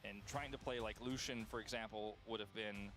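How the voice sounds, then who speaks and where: A man's voice: lowish voice, fairly even intonation, moderate pace, a bit bright, soft background music. A man commentating a professional esports match, explaining rules at length with playful asides. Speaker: esports caster. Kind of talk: play-by-play commentary.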